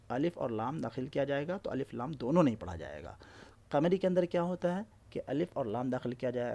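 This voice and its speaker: A man teaching an exam-prep lesson, explaining slowly, spelling out letters one by one and often checking that his listeners follow. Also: medium pitch, creaky, a little mellow.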